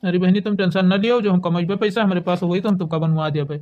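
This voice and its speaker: A man's voice: sits high, steady tone, fast talker, a little mellow, muffled recording, lightly acted. A helpless, henpecked village brother played by a man in a comedy skit. He speaks with an Awadhi accent, sounding loving yet aggrieved, in a resigned, complaining manner.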